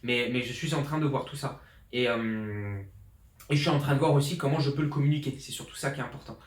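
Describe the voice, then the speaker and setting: A man's voice: medium pitch, fast. Rambling young man in an echoey room. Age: 20s. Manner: rambling, many restarts and fillers, fired-up. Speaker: fitness coach. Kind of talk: informal year-review vlog. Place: his flat in an apartment building. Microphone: borrowed pro journalist mic.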